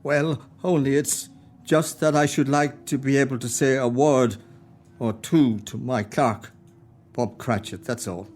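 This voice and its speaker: A man's voice: medium pitch, fairly even intonation, a little slow, darkish tone, close to an everyday voice. A man acting an old miser, Ebenezer Scrooge, in a radio play, with a quavering, stammering delivery. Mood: pained. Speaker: amateur radio play actor.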